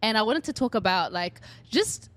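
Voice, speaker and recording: A woman's voice: mid-range voice, moderate pace, no echo. A woman hosting a podcast in casual chat. She jokes along playfully with her guest. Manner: playful, animated interviewer who jokes along. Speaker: podcast host.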